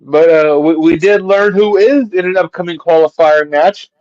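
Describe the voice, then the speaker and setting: A man's voice: a little high, moderate pace, a little mellow, no room sound, lo-fi sound. A man hosting a casual live-stream show, recapping wrestling events at length with stumbling restarts.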